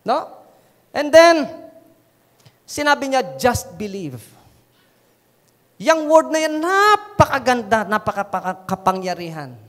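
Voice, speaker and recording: A man with a Filipino accent preaching a sermon as pastor, animated and dramatizing the story. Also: very high voice, slow pace, long pauses, big-room sound. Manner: switches between preaching and quoting scripture.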